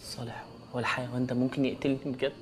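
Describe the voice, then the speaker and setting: A man's voice: mid-range voice, level tone, very fast, soft background music, natural voice. An actor playing a young male bank clerk in a film comedy, a panicky coward who whines and pleads and says he has gone half-deaf. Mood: scared. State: half-deaf, shouting to hear himself.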